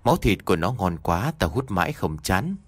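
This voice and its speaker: A man's voice: sits low, sing-song, fairly quick, breathy edge, no echo, exaggerated voice. A man voicing a gloating, ravenous demon. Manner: gloating, cackling. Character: greedy demon possessing a woman.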